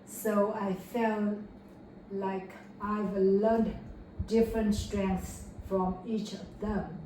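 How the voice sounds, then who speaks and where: Speaking at medium pitch with little pitch movement, drawn-out words and a warm tone, a young woman from Vietnam works through a mock speaking test. Her English is careful and rehearsed, with fillers and self-corrections, and the echoey room, distant mic and faint noise are audible.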